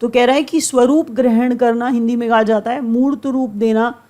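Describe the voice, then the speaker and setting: A woman teaching vocabulary for competitive exams, explaining word meanings in a mix of Hindi and English, repeating each word patiently and reading example sentences slowly. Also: fairly high pitch, steady tone, dark tone. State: occasional coughing. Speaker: vocabulary teacher for exam preparation. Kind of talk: online vocabulary lecture mixing Hindi and English.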